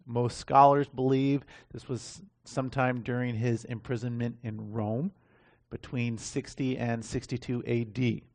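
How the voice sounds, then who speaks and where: Male pastor at a pulpit mic, mid-pitched, dry close sound, measured and earnest sermon delivery. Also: level tone, a little mellow, no room sound. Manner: measured, earnest preaching to a seated congregation. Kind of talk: sermon with scripture reading and prayer. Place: church sanctuary.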